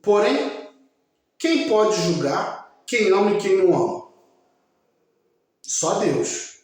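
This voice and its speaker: Slow-speaking man in a very echoey room. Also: high-pitched, sing-song, a little mellow. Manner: slow, emphatic, addresses listeners directly. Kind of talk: religious talk.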